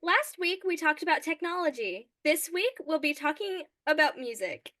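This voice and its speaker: A woman's voice: sits high, sing-song, normal speed, loud music behind the voice. A young woman co-hosting a podcast, giggly and easygoing in casual chat. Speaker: podcast co-host. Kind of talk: casual chat over wine.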